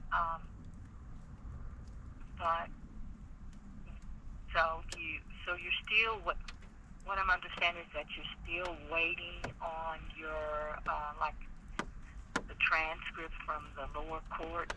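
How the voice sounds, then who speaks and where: A man's voice: a little high, level tone, slow, long pauses. A man speaking over the phone as a court clerk, hesitant and informal in an unscripted conversation. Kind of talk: helpful but unsure phone conversation. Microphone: telephone. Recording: noisy telephone line.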